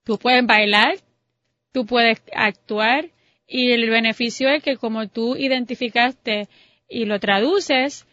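A woman's voice: fairly high pitch, fairly even intonation, slow, a bit bright, dry recording, dull audio. A woman interviewing a guest, speaking in long, flowing, encouraging sentences. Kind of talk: interview questions and commentary.

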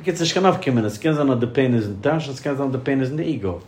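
Male podcast host, mellow, questioning, quick agreeing replies. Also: mid-range voice, expressive. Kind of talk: casual podcast conversation.

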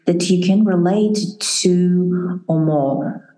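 A woman's voice: fairly low pitch, slow, warm tone, echoey room, low-quality recording. A woman in her forties from Kazakhstan with a Kazakh accent, hosting a podcast in an earnest, reflective way, often restarting her sentences. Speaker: podcast host. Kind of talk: solo podcast monologue.

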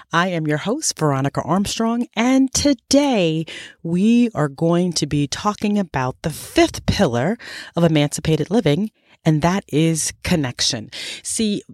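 A low-pitched woman's voice with lively, swinging intonation, nasal and stuffed up with a cold. She presents a motivational podcast monologue in a close, dry recording. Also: no echo. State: sick with a cold. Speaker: podcast host, life coach.

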